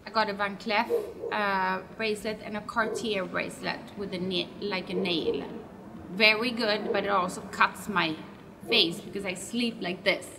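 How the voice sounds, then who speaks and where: A chatty web show host whose first language is Swedish rambles loosely through fan questions in a vlog, pausing to correct herself. Her medium-pitched voice sounds far from the mic, set back behind a clear layer of background noise.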